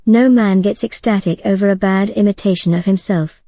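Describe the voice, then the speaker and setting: A woman's voice: mid-range voice, steady tone, normal speed, mellow, lightly acted. A woman voicing an opinionated, aging male bachelor who talks in a lecturing, earnest way.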